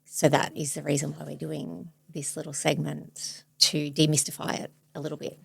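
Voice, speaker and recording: A woman in her forties, a therapist hosting a podcast, speaking thoughtfully and searchingly in a soft, reflective way. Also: sits low, completely flat delivery, normal speed, vocal fry, husky. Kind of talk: reflective therapy demonstration chat.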